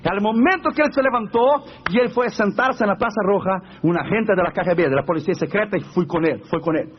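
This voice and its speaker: A fervent male pastor preaching a story-driven sermon, calling out to his brothers. His voice sits high for a man. The recording is dull and lo-fi, with faint noise. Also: quick pace. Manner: fervent, addresses listeners as brothers.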